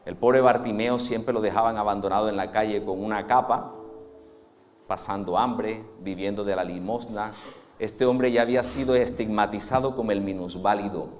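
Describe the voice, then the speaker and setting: A pastor giving a Sunday sermon, dramatic, moving between hushed and loud passages. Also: male voice, on the low side, steady tone, normal speed.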